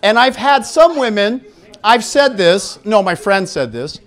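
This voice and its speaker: Speaking into a handheld microphone, a middle-aged man with a high, fairly bright voice lectures on sexual health at a conference. He's very animated yet measured in pace, frank and informal, joking conversationally with a seated audience in an indoor conference room.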